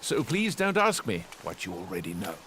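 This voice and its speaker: An actor dubbing a calm, dry-witted male emir in a historical drama. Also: low-pitched, normal speed, a little hiss or hum, heavily acted. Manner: dry, pointed. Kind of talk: English dub of a historical drama.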